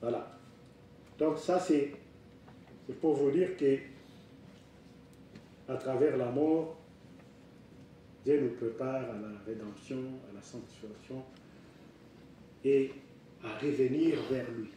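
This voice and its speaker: A man in his sixties preaching a sermon, halting with fillers and restarts. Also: medium pitch, fairly even intonation, warm tone, slight background noise. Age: 60s. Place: church hall. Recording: echoey room, picked up from far off.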